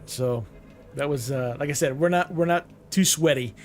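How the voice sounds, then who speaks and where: A man's voice: fairly high pitch, normal speed, soft background music. A man chatting casually during a co-op game, laid-back, trailing off and laughing now and then. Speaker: co-op gaming partner. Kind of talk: casual gaming chat.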